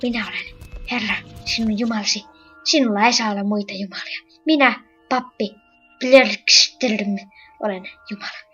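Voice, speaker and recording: A woman voicing a solemn male village pastor who proclaims himself to be God, speaking quietly in a mock-preaching tone. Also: medium pitch, steady tone, highs cut off, faint music behind, lightly acted.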